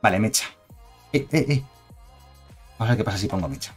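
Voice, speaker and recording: Low-voiced Spanish man streaming casually. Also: fairly quick, faint music behind. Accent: Spain Spanish. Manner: chatty, digressive, reads chat aloud. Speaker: streamer reviewing game cards. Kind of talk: casual live-stream commentary.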